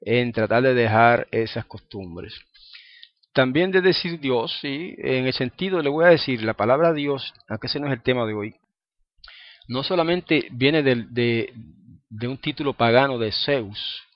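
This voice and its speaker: This man's mid-range voice is expressive and measured as he preaches informally to a congregation, in dull audio with no echo. He often checks in with "¿ah?" and "¿verdad?" and chuckles now and then between points.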